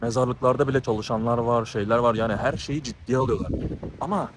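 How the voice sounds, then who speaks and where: A man's voice: mid-range voice, fairly even intonation, brisk. Breathless man ranting while walking outdoors. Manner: heated, ranting, repeats himself. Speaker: travel vlogger. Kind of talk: walking vlog monologue. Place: outdoors on town streets. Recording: noisy outdoor street recording.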